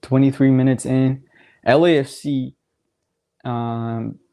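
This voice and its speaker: A man's voice: mid-range voice, slow pace, clear, resonant tone. A young man casually talking over a soccer match on his livestream, rambling with lots of fillers and little laughs. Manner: relaxed, rambling, filler-heavy, laughs often. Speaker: livestream watchalong host. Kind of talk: casual live commentary.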